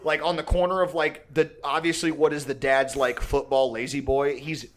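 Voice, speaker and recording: A man's voice: a little high, little pitch movement, normal speed. A young man telling a story in a casual, profane, rambling way, full of fillers and restarts and laughing often.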